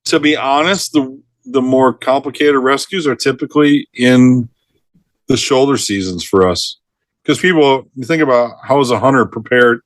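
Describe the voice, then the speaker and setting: A middle-aged man tells outdoor rescue stories in relaxed conversation, chuckling as he goes and slipping into the voices of the people he met. His voice sits at an ordinary middle pitch. The sound is close and dry, with no room echo. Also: moderate pace. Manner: lively storyteller who laughs mid-sentence and acts out quotes. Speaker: retired forest ranger, podcast guest. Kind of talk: storytelling in a casual interview.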